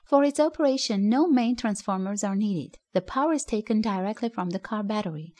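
Woman narrating an electronics build. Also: fairly high pitch. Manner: steady explanatory reading with non-native phrasing. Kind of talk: scripted voice-over narration. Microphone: voice-over.

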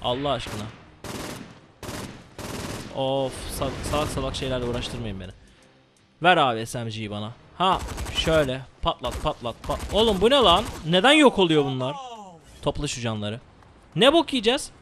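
A young man commenting live on his own gameplay, excitable and swearing, yelling at the game. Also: medium pitch, moderate pace, long pauses, slight background noise. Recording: game music behind the voice. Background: game music and gunfire.

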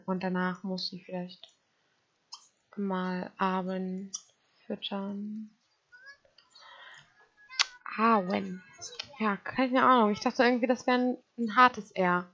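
German-style let's play girl talking to her sims, a bit gravelly, dull lo-fi mic sound. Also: mid-range voice, little pitch movement, slow, long pauses, fairly bright tone. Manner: chatty, talks to her game characters and viewers. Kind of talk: casual gameplay commentary.

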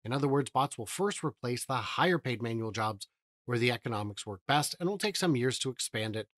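A man's voice: mid-range voice, lively intonation, brisk, fairly bright tone, no room sound, clean studio sound. A man in his thirties, a guest on a video-call interview, speaking eagerly and upbeat into a headset. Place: indoor room.

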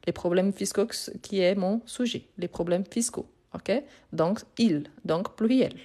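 A woman's voice: mid-range voice, measured pace, dark tone. A woman teaching French grammar in a live online lesson, repeating and spelling out each word and answering viewers' questions.

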